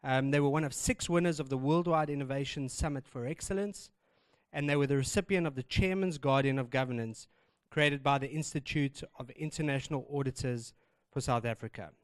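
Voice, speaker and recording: A man's voice: mid-range voice, fairly quick, dry recording. A man introducing the guest speaker at a business breakfast, reading formally with small stumbles. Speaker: event host introducing speaker.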